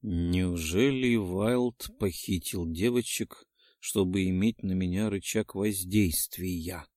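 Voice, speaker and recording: A man voicing a bewildered young male mage who talks slowly in a low, puzzled murmur. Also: steady tone, no room sound, clean studio sound. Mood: brooding. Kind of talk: audiobook character voice.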